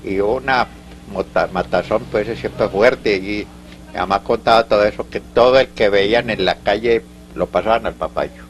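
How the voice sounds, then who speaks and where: A lowish-voiced older man with a Colombian Paisa accent recounts local stories during an oral history interview, recorded in low quality. He keeps stopping and starting over, drifting into asides as he rambles on.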